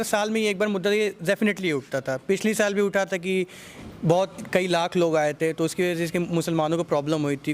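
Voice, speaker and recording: A man's voice: high-pitched, a little hiss or hum. A young man answering a street interview in a matter-of-fact, explanatory way. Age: young adult.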